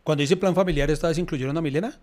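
A man with a Colombian accent, co-hosting a podcast, telling stories in animated, slangy casual chat. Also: a little high, rapid-fire. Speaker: podcast co-host.

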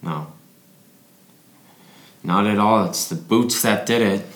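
A man's voice: on the low side, slow, a bit bright. A man playing a drugged, injured young man whose mouth is bleeding, rambling and repeating himself in an audio drama. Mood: troubled. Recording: roomy echo.

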